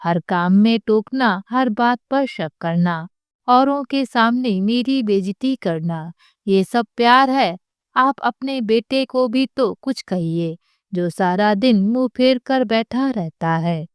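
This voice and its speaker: A woman's voice: on the high side, animated, takes it slowly, clear, resonant tone, no room sound, clean studio sound. A woman voicing a bitter young daughter-in-law who talks in an angry, scornful way. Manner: shouting, scornful.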